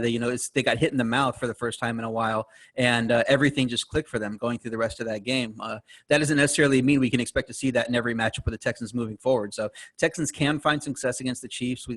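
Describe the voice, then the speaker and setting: A man speaking as a guest analyst on a sports betting podcast, laying out his picks in quick, steady talk with fillers. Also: mid-range voice.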